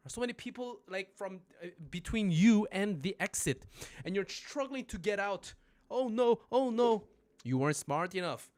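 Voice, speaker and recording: A man teaching phrases in a live-streamed lesson, joking, swearing casually and making loud sound effects. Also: mid-range voice, no echo. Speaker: Korean language teacher.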